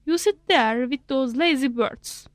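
A woman's voice: high voice, takes it slowly, dry recording. Woman doing a nagging mother monkey. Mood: scolding. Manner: nagging, complaining. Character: scolding overworked mother monkey.

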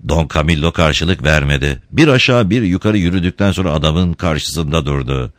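A man narrating a storybook in an expressive, dramatic way. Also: very deep voice, moderate pace, no room sound, clean studio sound. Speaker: audiobook reader.

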